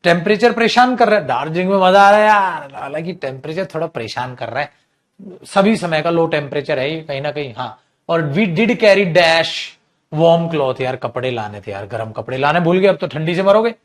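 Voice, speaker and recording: A middle-aged male teacher runs an exam-prep English class, coaxing his students along. His fairly high voice swings up and down as he drags out key words and reads the example sentences slowly. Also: lively intonation. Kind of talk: online exam-prep lesson.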